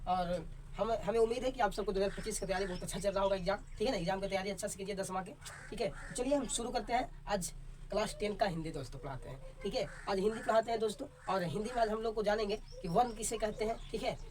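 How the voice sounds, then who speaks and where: A man's voice: high-pitched, fast. A male teacher gives a class lesson at a board, quizzing his viewers and checking "okay?" after almost every line. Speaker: Hindi teacher. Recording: voice a bit far from the mic, faint background noise.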